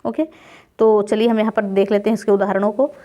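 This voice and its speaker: A woman teaching an exam-prep Hindi grammar lesson. She keeps asking the class questions and answering them herself, and reads the example lines slowly. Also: medium pitch, flat delivery, warm tone.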